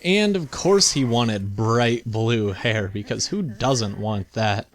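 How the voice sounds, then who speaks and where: A man's voice: fairly low pitch, lively intonation, takes it slowly. A man giving casual, chatty video game commentary, thinking aloud with playful mock indignation as he hosts. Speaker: video game let's play host.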